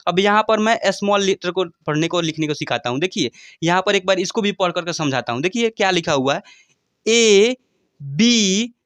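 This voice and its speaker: A man's voice: high-pitched, expressive, fairly bright tone, dry recording. Patient male teacher, dry sound. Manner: slow, repetitive, checks in often with "ठीक है?"; drawn-out letter names for recitation. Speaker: English teacher. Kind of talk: basic alphabet lesson.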